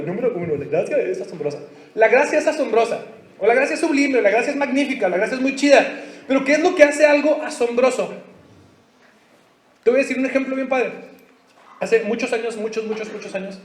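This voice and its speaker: A man with a Mexican accent preaches to a youth crowd, his voice pitched high. He jokes and slips into the voices of the people in his stories. The sound rings through a big echoing hall. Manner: joking, slangy, acts out voices of the people he talks about. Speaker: pastor. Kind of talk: youth sermon. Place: large hall at a youth conference.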